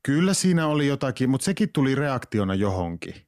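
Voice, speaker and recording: A man's voice: medium pitch, big pitch swings, a little mellow, dry recording, studio quality. A man talking as a podcast guest in casual chat, rambling with frequent laughs and restarts. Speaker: guest, actor and writer.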